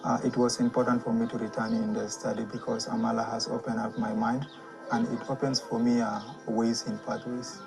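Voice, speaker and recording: A man from South Sudan, a course facilitator, giving a halting personal testimonial with many fillers. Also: mid-range voice, level tone, vocal fry. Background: background music.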